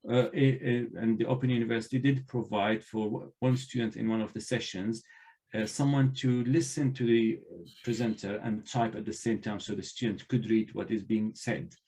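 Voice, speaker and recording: Speaking on an online panel, a male librarian trainer who isn't a native English speaker comes across as sincere yet halting, with many restarts. He has a lowish, dark voice and keeps his intonation fairly even.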